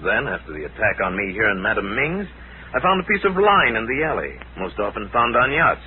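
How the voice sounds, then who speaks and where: An actor playing a calm, erudite crime-fighting lama in a formal, theatrical 1940s radio style. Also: male voice, fairly low pitch, a little fast. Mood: assured, explaining. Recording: tinny, hissy old radio recording.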